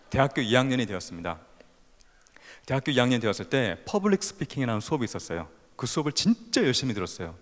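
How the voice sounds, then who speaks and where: Animated Korean man telling a story in a hall. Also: mid-range voice. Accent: Gyeongsang-tinged Seoul Korean. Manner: animated storyteller acting out scenes. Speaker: speaker at a youth festival talk. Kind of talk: storytelling stage talk. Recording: hall reverb from a stage talk.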